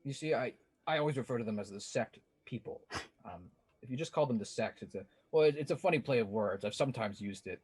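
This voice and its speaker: Guy doing a sly old prisoner voice, husky, rambling, lots of ums. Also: mid-range voice, expressive, fast, a little mellow, no echo. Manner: rambling, hesitant, full of ums. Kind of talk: tabletop role-play character voice.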